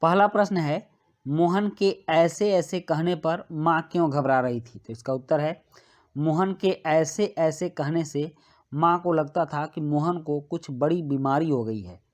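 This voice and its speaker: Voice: medium pitch, unhurried. A teacher works through a school worksheet, reading a short play line by line. Each passage is followed by a plain, step-by-step explanation for students.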